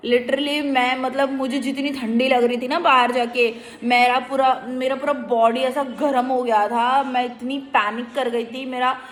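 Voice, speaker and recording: A young woman, a mother, chatting casually in a home vlog and coaxing her toddler in a soft sing-song way. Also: high-pitched, flat delivery, measured pace, hardly any pauses. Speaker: mother and vlogger. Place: at home indoors.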